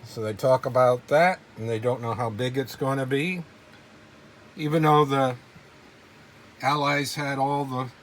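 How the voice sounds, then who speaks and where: Showing off models and memorabilia, the collector gives an unscripted, casual show-and-tell full of informal, rambling enthusiasm. He speaks at medium pitch on a low-quality recording, and clear background noise can be heard.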